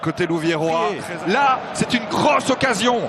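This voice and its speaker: A male football commentator describing the play live in an excited style. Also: sits high, a little slow. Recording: crowd and stadium noise.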